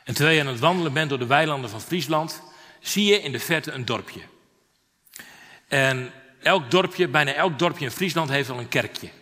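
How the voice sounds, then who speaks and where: A male preacher telling a story from the pulpit, swinging between animated rises and quieter moments. His voice is bright and forward, and it rings out with a long hall reverb. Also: mid-range voice, brisk. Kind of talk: sermon.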